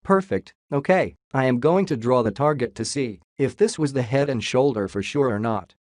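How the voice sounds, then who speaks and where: A man's voice comes through a robot voice filter, sitting at a middling pitch. He talks casually over a screen share of price charts and drops jokes as he goes. The sound is dry and close, with no room around it. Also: normal speed, darkish tone, no room sound. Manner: jokey, says "lol" aloud. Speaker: crypto chart analyst.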